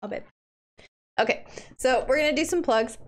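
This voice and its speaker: A woman's voice: high voice, moderate pace. A young woman streamer chatting casually, giggling often and swearing freely, sounding tired. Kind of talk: casual live stream chat.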